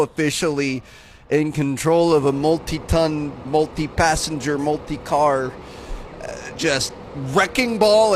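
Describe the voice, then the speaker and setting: A young man with a slightly high voice hosts a gaming channel, chatting in a laid-back way as he plays and often saying "dude." It's casual gameplay commentary with a bit of background noise.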